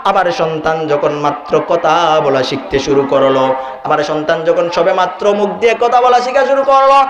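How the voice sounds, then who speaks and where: A man's voice: a little high, moderate pace, reverberant, highs cut off, a crowd in the background. A man preaching a Bengali waz sermon in a sing-song, pleading style, chanting verses and repeating refrains. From Bangladesh.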